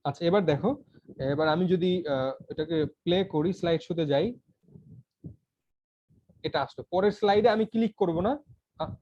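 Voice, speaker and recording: A man's voice: a little high, moderate pace, long pauses, a little mellow. A man teaching a casual computer tutorial, talking informally with many fillers and restarts. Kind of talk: casual screen-recorded tutorial. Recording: dull lo-fi voice recording.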